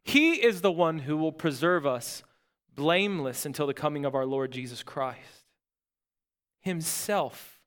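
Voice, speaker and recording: A man preaching a sermon as pastor, earnest and emphatic, with dramatic pauses, asking the congregation questions and answering them himself. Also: a little high, lively intonation, a bit bright, clean tone.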